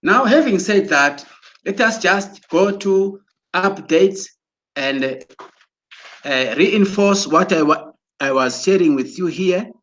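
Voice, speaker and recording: An excited man urging his listeners on, his voice sitting high for a man. He talks slowly and deliberately, often repeating and restarting words. It sounds like a computer mic while he shares his screen. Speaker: broadcaster. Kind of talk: promotional motivational talk.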